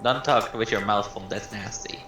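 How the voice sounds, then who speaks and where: A man's voice: lowish voice, moderate pace, bright, forceful tone. A man teasing his friend in a casual argument, dismissive and mocking. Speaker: streamer's friend. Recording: roomy, noisy, off-mic.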